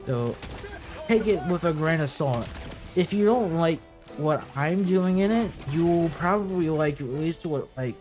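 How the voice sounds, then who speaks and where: A man's voice: a little high, a little mellow. A young man in his twenties with hiccups, giving rambling, profane, casual commentary over his gameplay, full of fillers. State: has hiccups. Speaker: gaming video creator.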